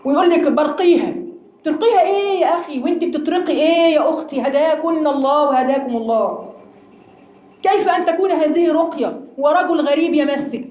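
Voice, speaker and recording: An Egyptian woman teaching a religious lesson to a class of women, animated and asking them rhetorical questions. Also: sits high, fast talker, roomy sound. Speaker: Quran teacher.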